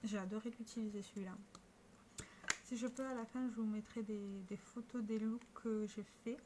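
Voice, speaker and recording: Woman beauty vlogger, casual product walkthrough, slightly high voice, faint room hum. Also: fairly even intonation, normal speed. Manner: chatty, showing products to camera with small restarts. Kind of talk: casual makeup vlog.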